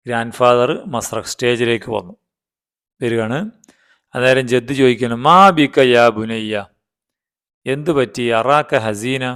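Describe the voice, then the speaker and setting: A man's voice: mid-range voice, fairly bright tone, clear, resonant tone. A man teaching an online language class who reads a line aloud, then explains it piece by piece and asks his students simple questions along the way.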